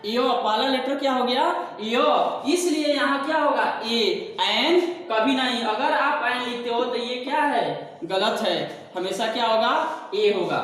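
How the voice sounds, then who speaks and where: A man with a Hindi accent teaches an English grammar lesson, posing questions to the class and answering them himself. His very high, slightly bright voice moves at a measured pace with few pauses, picked up by a distant mic in an echoey room with faint hiss.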